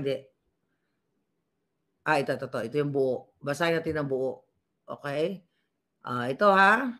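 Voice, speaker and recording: A woman's voice: sits low, fairly bright tone. A woman with a Filipino accent hosts a casual live political commentary stream. She talks in a scornful, mocking way and keeps stopping to read viewer comments aloud.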